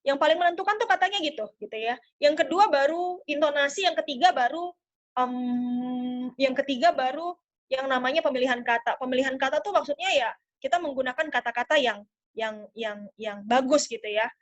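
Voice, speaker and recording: A woman giving a sales coaching talk at a webinar, lively and demonstrative, often turning to address her audience. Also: high voice, fairly quick, muffled recording. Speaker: sales trainer.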